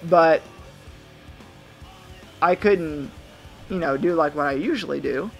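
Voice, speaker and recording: A man's voice: a little high, takes it slowly, vocal fry, soft background music, poor audio. A man in his thirties rambling reflectively to a camera in a vlog monologue. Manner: reflective, musing. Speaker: vlogger. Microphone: camera mic.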